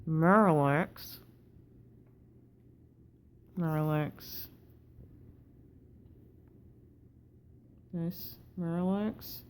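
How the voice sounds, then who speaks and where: Low-voiced woman talking through a wired jaw. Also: darkish tone, slight background noise. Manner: muffled talk through a wired-shut jaw, teeth held together; halting, effortful. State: tired, sore with swollen cheek. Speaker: patient recovering from jaw surgery. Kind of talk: casual video diary.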